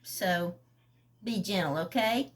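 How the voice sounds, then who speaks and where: A relaxed guy flirting on the phone, read by a woman. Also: lowish voice, slow pace.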